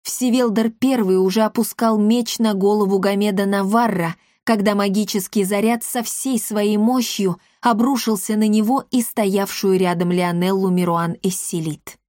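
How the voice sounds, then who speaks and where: Female audiobook narrator, expressive fantasy storytelling, mid-pitched, close dry sound. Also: normal speed, few pauses, no echo. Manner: expressive reading, shifts voice for characters' shouts.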